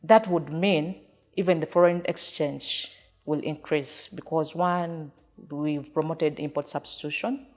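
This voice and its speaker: Low-voiced businesslike woman manager. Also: fairly even intonation, a little slow, darkish tone, faint music behind. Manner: businesslike, hesitant fillers. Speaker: company manager. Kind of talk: documentary interview.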